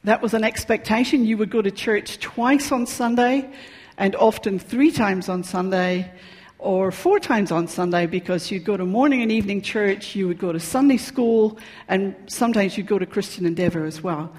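Scottish woman pastor, mid-pitched and conversational, sermon in a reverberant hall. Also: moderate pace, darkish tone. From Scotland. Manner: conversational and personal, with frequent ums. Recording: long reverb of a large hall.

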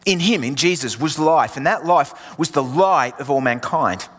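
An England-born pastor with an Australian accent preaches a sermon, his emphatic refrains repeating and at times sinking almost to a whisper. His voice sits on the high side, expressive and a bit bright, at a normal speed. A long hall reverb surrounds the recording.

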